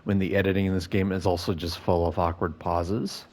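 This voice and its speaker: A man's voice: low-pitched, level tone, brisk, darkish tone. A man giving casual gameplay commentary, making critical, nitpicking asides as he plays. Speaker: let's player.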